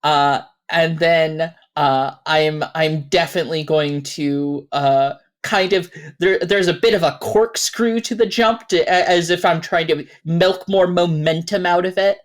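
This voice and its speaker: A woman playing a tabletop game, chatting casually and thinking aloud in halting, broken-up phrases. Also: low voice, fairly even intonation.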